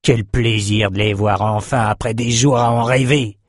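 A coarse, aggressive sailor, as a male narrator plays him, barks his lines in a crude, rough manner. The recording is dry and close. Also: lowish voice, fairly even intonation, normal speed, no room sound, lightly acted. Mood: leering. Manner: crude, barking. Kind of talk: audiobook character voice.

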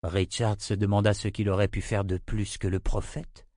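A man narrating an audiobook in a steady, measured reading. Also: fairly low pitch, dry recording, studio quality. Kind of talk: scripted narration.

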